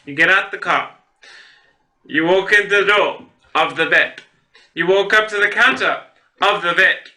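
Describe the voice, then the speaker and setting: A man's voice: high-pitched, unhurried, long pauses, bright, forceful tone. A man hosting a reaction video, reading posts aloud and commenting in a casual, rambling way, often laughing to himself. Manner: rambling, with many fillers and self-corrections.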